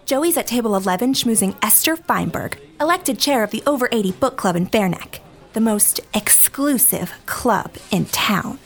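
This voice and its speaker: A woman's voice: on the high side, lively intonation, normal speed. Wry narrator, a gossipy small-town journalist, voiced by a woman. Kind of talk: scripted comedic narration.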